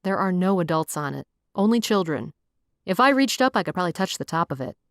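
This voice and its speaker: A woman's voice: on the low side, a little fast, dry recording, studio quality. A woman reading an audiobook voices a stubborn, reluctant young man who answers in curt, clipped lines. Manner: flat, clipped refusals.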